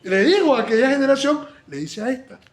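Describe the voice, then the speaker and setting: Animated, high-pitched preacher. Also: male voice, fast talker. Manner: animated, acts out little dialogues, shifts between loud exclamations and soft asides. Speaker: Bible study teacher. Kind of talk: Bible study sermon.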